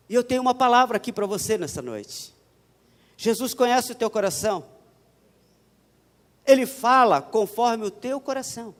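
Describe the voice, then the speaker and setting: A man preaching a sermon as a pastor, with a Paulista accent and an emphatic style that repeats phrases. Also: very high voice. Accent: Paulista Portuguese. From São Paulo, Brazil. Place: church. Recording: church hall reverb.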